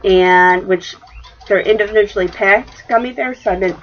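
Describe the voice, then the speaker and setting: A woman's voice: mid-range voice, normal speed, muffled recording. A middle-aged woman chatting casually as she shows off crafting mail in her craft room, rambling with many fillers. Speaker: craft vlogger. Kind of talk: casual show-and-tell chat. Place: craft room at home, indoors.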